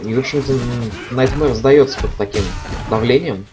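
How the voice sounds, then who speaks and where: A man's voice: medium pitch, normal speed. A man giving live commentary on a fighting game stream, as a stream commentator. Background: game music and sound.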